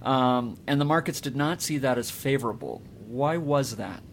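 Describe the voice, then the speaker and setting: A man's voice: mid-range voice, moderate pace, a little hiss or hum. A man hosting an interview, asking conversational questions of a guest. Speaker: host.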